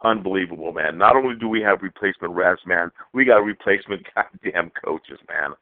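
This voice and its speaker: An angry man from Southern California rants over a tinny phone line as a radio show caller. His voice sits fairly low, and he swears his way through the complaints. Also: a little fast. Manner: angry profane rant. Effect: call-in phone line. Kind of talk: ranting call-in message.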